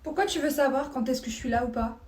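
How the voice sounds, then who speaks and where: A nosy mother , played by a woman, in a comedy sketch, prying with a sing-song, falsely polite tone. She speaks quickly, her voice pitched a little high. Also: a little mellow, roomy sound, far from the mic, slight background noise, natural voice. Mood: suspicious. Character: snooping, suspicious mother of a teenage girl. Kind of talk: comedy sketch role-play.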